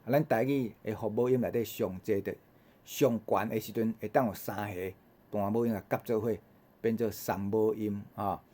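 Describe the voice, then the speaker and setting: A man with a Taiwanese accent teaching vowel sounds in a recorded lesson, repeating each sound in slow drills with frequent "ha" fillers. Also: lowish voice, steady tone, dark tone. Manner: habitual "ha" fillers between drills. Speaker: language teacher.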